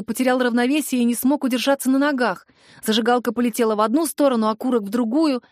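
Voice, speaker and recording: A woman narrates a novel in first person with a fairly high voice and lively expression. The recording is close and dry, with no room sound. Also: dry recording. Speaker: audiobook reader.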